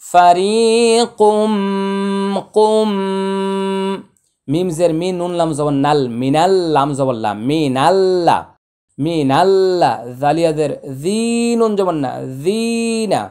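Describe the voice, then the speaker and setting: A man teaching Quran recitation, spelling out letters slowly and then chanting the words in long, drawn-out tones. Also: fairly high pitch, a little mellow, smooth. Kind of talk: tajweed lesson.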